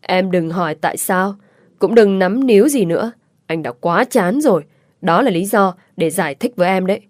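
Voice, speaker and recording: A woman's voice: medium pitch, lively intonation, normal speed, no room sound, clean studio sound, natural voice. A woman doing a curt, callous husband. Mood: cold. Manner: curt, dismissive. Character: cold, callous husband leaving his wife.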